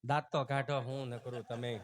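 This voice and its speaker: A man's voice: mid-range voice, level tone, moderate pace. A man with a Kathiawadi Gujarati accent from Saurashtra, performing live folk comedy and teasing his audience in a folksy way.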